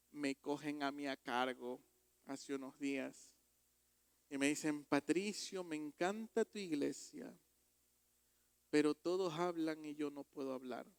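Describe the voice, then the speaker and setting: A man preaching a sermon as pastor, emphatic and rising to loud exhortations. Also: a little high, vocal fry, no echo. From Ecuador.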